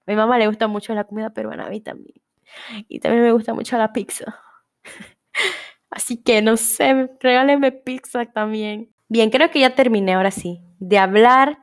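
A woman's voice: a little high, normal speed. A young woman with a Panamanian accent hosting a casual solo podcast, chatty and rambling, often cutting herself off mid-word. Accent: Panamanian Spanish. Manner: rambling, chatty, self-interrupting. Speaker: podcast host.

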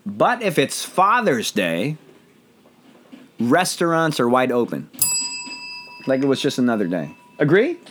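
A hoarse man hosting a casual podcast from home, joking and rambling in a self-deprecating way. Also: medium pitch, wildly swooping pitch, measured pace, long pauses, a bit bright, slight background noise. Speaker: podcast host. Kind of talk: casual chat.

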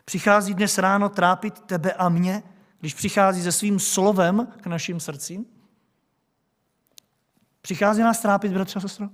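A man's voice: sits high, steady tone, pauses often. A male preacher delivering a sermon, questioning his congregation with rhetorical questions.

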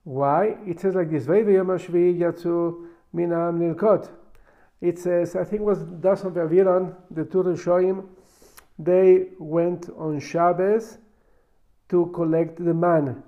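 Man, mellow high voice, religious lesson, reading and explaining, halting emphatic delivery, muffled lo-fi sound. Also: steady tone. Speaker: religious teacher. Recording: dull, lo-fi recording.

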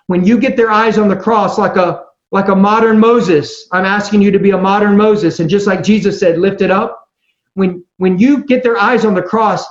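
A man preaching a sermon into a pulpit microphone, earnest and emphatic, slowing down to press scripture home. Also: sits high. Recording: roomy, slightly dull mic sound.

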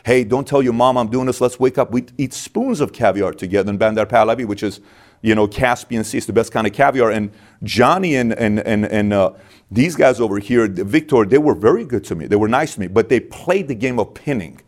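An Iranian man in his thirties, appearing as an interview guest, speaks candidly and briskly in a medium pitch. He is emphatic and repeats lines for stress.

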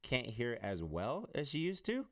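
A man chatting casually and telling animated stories, a self-described loud talker. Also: medium pitch, measured pace. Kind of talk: casual chat.

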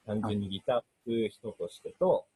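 Very husky young man, Kansai accent. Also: lowish voice, brisk, dark tone, no room sound. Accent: Kansai Japanese. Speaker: rock band guitarist, radio co-host. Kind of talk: casual chat.

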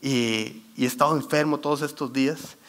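A man giving a sermon talk, telling a lively story and quoting scripture while getting over a cold. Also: medium pitch, normal speed. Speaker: church youth speaker.

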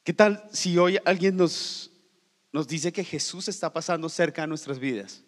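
A man preaching a sermon as pastor, swinging from loud cries down to hushed near-whispers. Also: fairly high pitch, measured pace, big-room sound.

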